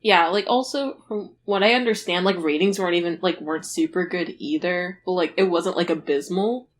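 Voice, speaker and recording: Woman co-host, casual rambling chat, lowish pitch, faint hiss behind. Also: brisk. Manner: chatty, filler-heavy, laughs often. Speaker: podcast co-host.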